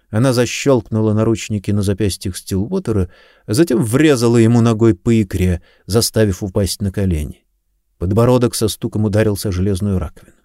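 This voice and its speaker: A man reading an audiobook in a steady, measured scripted narration. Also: lowish voice, no echo, studio quality.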